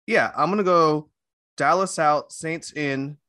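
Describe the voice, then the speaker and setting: Bright-toned man mulling over picks. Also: fairly high pitch, measured pace, no echo, clean studio sound. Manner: hesitant, mulls picks aloud with hums and fillers. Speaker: podcast co-host. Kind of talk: casual sports chat.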